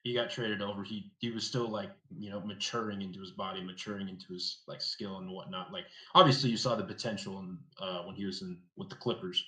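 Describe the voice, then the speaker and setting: A man co-hosting a basketball podcast, rambling with many fillers and trailing off softly. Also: low voice, steady tone, quick pace, hardly any pauses, roomy sound. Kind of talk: casual sports chat.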